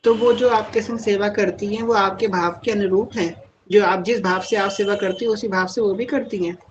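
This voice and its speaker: Gentle woman giving spiritual guidance. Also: mid-range voice, steady tone, moderate pace, highs cut off, slight background noise. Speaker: spiritual guide answering devotees. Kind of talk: devotional Q&A talk on a live call.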